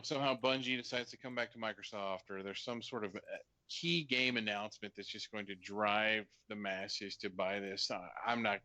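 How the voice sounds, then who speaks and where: A man with a bright, forceful voice chats casually on a podcast, recorded dry and close. He hesitates often and fills the pauses with ums. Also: mid-range voice, no room sound. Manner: relaxed, hesitant, lots of ums. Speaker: podcast co-host. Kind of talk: casual chat.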